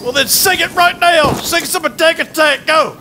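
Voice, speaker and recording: A man playing a loud, bossy, swearing drill sergeant in an online game, barking orders with a strained delivery. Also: very high-pitched, normal speed, full character voice. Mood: bossy, taunting. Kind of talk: improvised in-game role-play over voice chat. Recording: voice over loud game battle noise.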